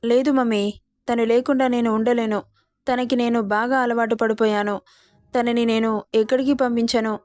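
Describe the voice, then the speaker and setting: Woman voicing a young husband, affectionate, teasing, fairly high voice, dry sound. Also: fairly even intonation, normal speed, a little mellow, no echo, lightly acted.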